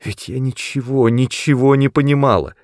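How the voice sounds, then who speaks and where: A man's voice: normal speed, a little mellow, dry recording, clean studio sound, natural voice. A man voicing a desperate teenage girl who begs her mother, in a raised, tearful voice. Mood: pleading. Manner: high tearful begging voice.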